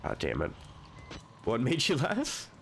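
A man's voice: medium pitch, huge pitch swings, unhurried, gravelly, a bit bright, slight background noise. A man streaming a horror game, chatting and joking, with jumpy reactions to scares. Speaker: gaming streamer. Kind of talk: let's play commentary.

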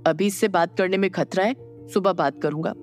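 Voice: medium pitch, fairly quick, soft background music, lightly acted. Easygoing young man, confused and plaintive, read by the narrator in an audio drama. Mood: puzzled. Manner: bewildered, plaintive.

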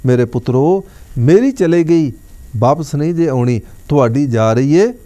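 A man's voice: fairly high pitch, lively intonation, normal speed, no room sound, close to an everyday voice. A man voicing a wise, patient old scholar who speaks fatherly words to young men. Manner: soft fatherly admonishing.

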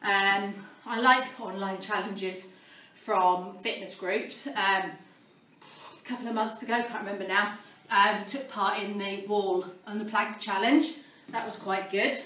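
A woman's voice: medium pitch, fairly even intonation, takes it slowly, sharp tone, reverberant, distant mic, low-quality recording. A woman filming a casual vlog about starting to exercise, a little out of breath and self-deprecating, with many ums. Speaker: vlogger documenting a fitness start. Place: barn, indoors.

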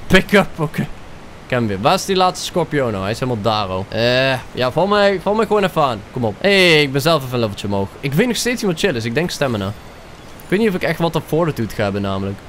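A young man with a Dutch accent, commentating his own gameplay, excitable, swearing and dropping English slang into his talk. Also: medium pitch, quick pace, slight background noise. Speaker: gaming YouTuber.

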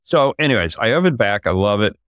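Speaking over a video call from his home office, an older man who hosts a podcast recounts a story casually, his voice lifting whenever excitement takes hold. He has a fairly low pitch and a brisk delivery, captured in clean studio sound without echo.

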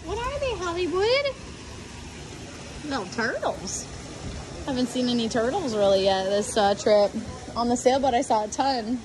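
A young woman with a high voice that swings up and down, chatting casually and cooing baby talk at her puppy. She records on a handheld phone outdoors, with clear background noise behind her. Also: very animated, normal speed, pauses often. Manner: coos in a high sing-song voice to her puppy. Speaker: vlogger. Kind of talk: casual vlog chat and voice-over. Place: outdoors, on a small sailboat.

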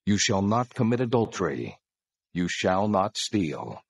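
An actor playing God as a solemn, commanding lawgiver in dramatized scripture, speaking in a measured, authoritative way with a husky voice. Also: male voice, low voice, very animated, no room sound, studio quality, heavily acted.

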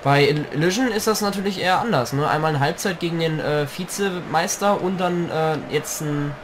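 A man's voice: fairly high pitch, a little fast. A man casually co-commenting a football video game he is playing, chatty, sometimes slipping into mock sportscaster phrasing. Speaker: let's play commentator. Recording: audible background noise.

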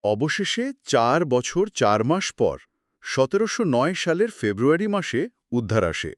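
A man co-hosts a scripted history talk, recorded close and dry with no room sound. His pitch swings widely as he explains events in short, clipped clauses. Now and then he turns a point into a musing question. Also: very animated, normal speed, no echo. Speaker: co-host. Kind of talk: scripted two-host history chat.

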